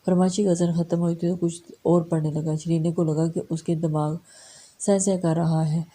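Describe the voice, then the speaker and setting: A woman narrating a romance novel in a steady, measured reading. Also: on the low side. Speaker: novel reader.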